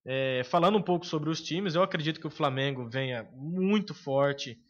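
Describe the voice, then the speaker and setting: A man with a Brazilian Portuguese accent, co-hosting a podcast in casual sports chat, opinionated and hesitant with frequent filler pauses. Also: a little high, muffled recording. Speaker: podcast co-host.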